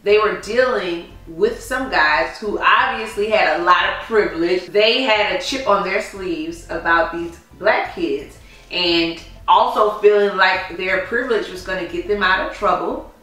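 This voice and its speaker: An outspoken woman co-host speaking with emphasis in a bright, forceful tone. She sounds distant in a very echoey room, with faint music under her. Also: lowish voice, measured pace. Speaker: podcast co-host. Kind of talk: casual chat. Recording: echoey room, mic far off.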